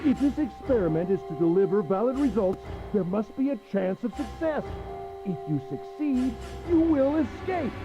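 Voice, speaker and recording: A woman's voice: on the high side, expressive, normal speed, highs cut off, music in the background, lightly acted. A woman voicing a smug, cruel middle-aged man villain in a pompous, mocking way while reading a visual novel aloud.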